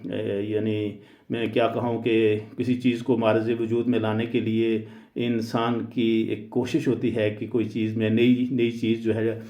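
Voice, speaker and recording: Man lecturing in a mellow, roomy sound. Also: fairly low pitch, completely flat delivery. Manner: deliberate, hesitant with frequent "uh" fillers; mixes English phrases into speech. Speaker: teacher. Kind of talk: explanatory lecture. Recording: roomy, dull lo-fi recording.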